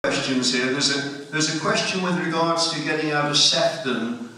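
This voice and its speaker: A man chairs the question session of a public meeting, speaking plainly and pausing on fillers. His bright voice comes from far across a very echoey hotel function room. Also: a little high. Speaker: meeting host. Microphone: far camera.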